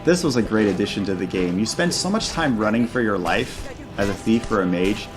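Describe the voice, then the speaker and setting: A man's voice: lowish voice, lively intonation, fairly quick, music in the background. A man hosting a gaming channel, giving chatty mod showcase commentary and thinking aloud as he plays. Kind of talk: casual video game mod showcase commentary.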